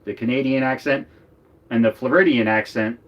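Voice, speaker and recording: Livestreaming from his RV, this Northeast Philadelphia co-host talks in a rambling, chatty, joking way with a Philadelphia accent during a casual live chat. He has a mid-range voice with fairly even intonation and speaks at a normal speed.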